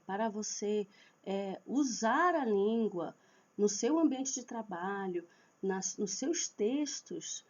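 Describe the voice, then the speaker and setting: Breathy woman teaching grammar, lo-fi. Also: on the high side, warm tone. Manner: slow, explanatory, with hesitations and restarts. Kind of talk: online grammar lesson.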